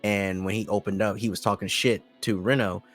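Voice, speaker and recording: A man's voice: on the low side, fairly even intonation, fairly quick, a bit bright, soft background music. A man co-hosting an anime podcast, talking in a loose, rambling way with lots of restarts and fillers. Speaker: podcast co-host. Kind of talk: casual chat.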